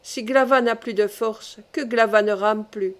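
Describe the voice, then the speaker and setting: A woman voicing a young male prehistoric warrior who speaks in slow, solemn, simple words. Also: a little high, fairly even intonation, close to an everyday voice.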